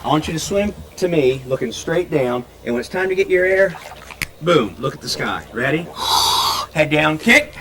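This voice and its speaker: A man's voice: a little high, lively intonation, moderate pace, a little hiss or hum, poor audio. A middle-aged man teaching a child to swim, counting strokes aloud and calling out encouragement at a pool. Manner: encouraging, counts out loud in bursts; raises voice when child's ears are under water. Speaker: swim instructor. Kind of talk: instructional coaching. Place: indoor swimming pool.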